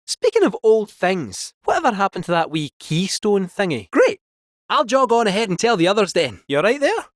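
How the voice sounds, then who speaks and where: A male actor performs a scheming, chatty robot cat for a video game, speaking in a Scottish accent. The delivery is theatrical and jaunty with swooping pitch, captured dry and at studio quality.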